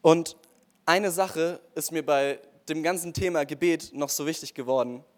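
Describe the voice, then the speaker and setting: A man's voice: fairly high pitch, moderate pace. Earnest young man giving testimony. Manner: earnest, talks straight to listeners, frequent "so" and "ey" fillers. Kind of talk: casual sermon testimony.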